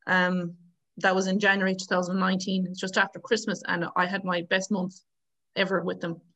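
A woman's voice: on the low side, flat delivery, moderate pace, fairly bright tone. Irish woman in her 30s, west of ireland accent, just chatting away telling her story in an interview. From Galway, Ireland. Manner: informal, chatty, often quoting past exchanges.

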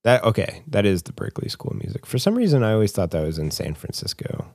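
A young man co-hosting a podcast talks quickly in a lowish, darkish voice whose pitch swoops wildly. His casual chat rambles with lots of fillers and restarts, and there's no room sound.

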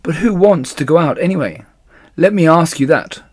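A man's voice: fairly high pitch, animated, normal speed, breathy edge, voice pushed up. A man voicing a confident, charismatic fox leader making persuasive speeches in a children's story.

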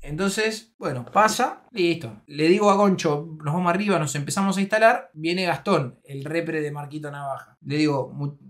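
A man's voice: on the high side, normal speed, few pauses. A man with an Argentine accent casually telling viewers a story in a loose, slangy, self-mocking way, often trailing off and restarting. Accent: Argentine Spanish. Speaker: streamer telling a travel story.

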